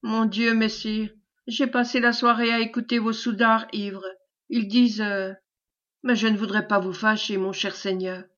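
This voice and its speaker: A woman's voice: fairly high pitch, flat delivery, measured pace, fairly bright tone. A woman reading the part of a sly, mock-humble male peasant informer, in a wheedling manner, on a dull lo-fi recording.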